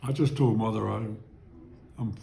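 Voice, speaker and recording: A man in his nineties from Maryland reminisces about his childhood in an oral history interview, rambling into digressions and chuckling as he recalls. His voice is lowish and dark with vocal fry, with fairly even intonation and a normal speed. The room is echoey.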